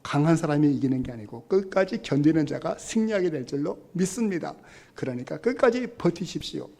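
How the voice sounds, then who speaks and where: A man's voice: on the high side, expressive, fairly quick, vocal fry, darkish tone. A male pastor preaching a sermon, telling a story and acting out its voices.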